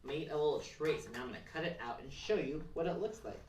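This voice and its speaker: Speaking fast in a mid-range voice, the presenter gives kids easy, upbeat craft instructions one step at a time. The recording picks up faint noise and clicks from a distant mic in a roomy space.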